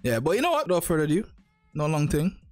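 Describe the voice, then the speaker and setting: Young man, high voice, slangy and profane, casual reaction chat. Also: big pitch swings, fast, faint music behind. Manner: slangy, profane, repeats himself often. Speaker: anime reaction host.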